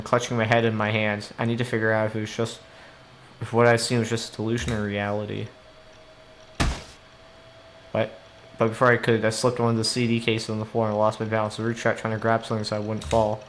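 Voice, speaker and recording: A man's voice: lowish voice, fairly bright tone, a little hiss or hum. Swearing man reading a game aloud. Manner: reads narration then reacts with swearing and laughter. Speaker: streamer. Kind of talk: live game playthrough, reading story text aloud.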